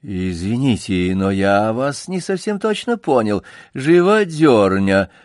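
A man's voice: fairly low pitch, big pitch swings, takes it slowly, a little mellow, no echo, studio quality. A man voicing a hot-tempered young male dog who speaks politely but heatedly. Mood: indignant.

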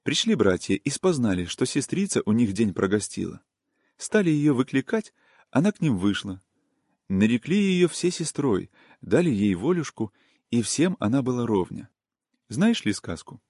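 A man voicing a tender, melancholy young peasant woman in an audiobook reading, with a soft, soothing, singsong manner. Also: medium pitch, sing-song, normal speed, husky, dry recording, studio quality.

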